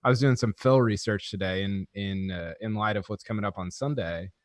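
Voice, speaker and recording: A man with a lowish voice telling a chatty, amused story as a golf writer on a podcast. His delivery is close and dry. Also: a little fast, no room sound. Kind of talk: casual chat.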